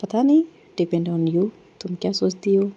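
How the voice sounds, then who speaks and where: A woman's voice: medium pitch, lively intonation, a little slow, dark tone, slightly rough, highs cut off. A woman voicing a confident, teasing young woman who turns coolly formal when annoyed.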